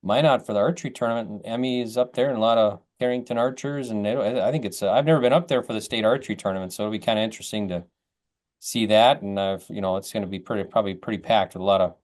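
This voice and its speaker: A man's voice: lowish voice, rapid-fire, darkish tone. Folksy man hosting a local chat show. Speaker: host of a local chat program. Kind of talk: casual community interview.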